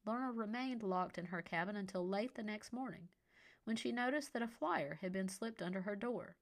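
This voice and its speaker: A woman reading a short story aloud in a measured, expressive scripted narration. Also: mid-range voice.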